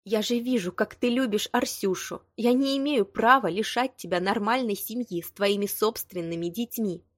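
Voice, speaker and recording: A woman reading the lines of a prickly young woman, hurt but proud, defensive and quick to flare up. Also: medium pitch, dry recording, clean studio sound, voice pushed up, natural voice. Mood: flaring. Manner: tearful, defensive, flaring. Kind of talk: audiobook dialogue reading.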